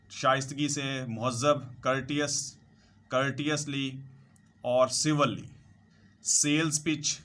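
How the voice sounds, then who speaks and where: Slow, bright-voiced male teacher. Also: medium pitch. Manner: lists synonyms one by one, repeats "ठीक है जी". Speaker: English teacher. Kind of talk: slow vocabulary lesson over slides.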